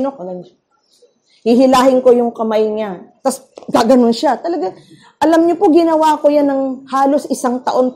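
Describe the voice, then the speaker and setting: A woman with a Filipino accent preaching a devotional at a prayer meeting, telling stories with lively rises and drops. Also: high-pitched. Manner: animated storytelling with sudden rises and drops. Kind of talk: devotional sermon.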